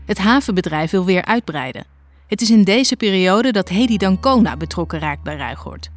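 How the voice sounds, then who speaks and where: A documentary narrator and interviewer speaking in a calm, measured way. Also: medium pitch.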